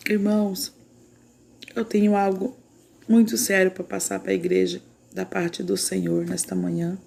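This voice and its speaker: A woman's voice: medium pitch, level tone, a little slow, creaky, dark tone. A woman with a Brazilian Portuguese accent gives a fervent religious testimony of a prophetic vision and reads scripture aloud. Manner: fervent, repeats "igreja" and "louvado seja Deus". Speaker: church sister sharing a prophetic vision.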